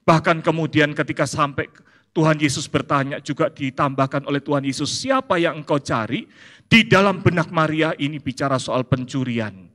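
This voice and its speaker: A man preaching a sermon as pastor, animated and playful, swinging between high emphatic peaks and soft asides. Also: normal speed. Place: large church hall. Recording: long hall reverb.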